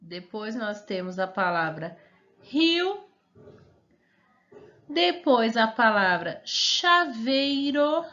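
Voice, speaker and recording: A Brazilian Portuguese-accented woman teacher walks young children through a worksheet, drawing out every word slowly and checking in with gentle questions. Her voice is bright and a little high. The recording is dull and lo-fi, like a simple home setup. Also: big pitch swings. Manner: slow, syllable-stretched reading of words, coaxing questions. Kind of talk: remote classroom lesson for young children.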